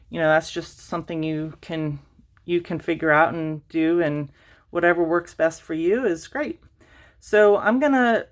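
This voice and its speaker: A woman with a low voice talks through a craft project in a loose, rambling way. She restarts her sentences often, pokes fun at herself, and sounds a little out of breath. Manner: rambling, self-deprecating, many fillers and restarts. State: slightly out of breath. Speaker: crafting channel host. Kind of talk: casual craft tutorial.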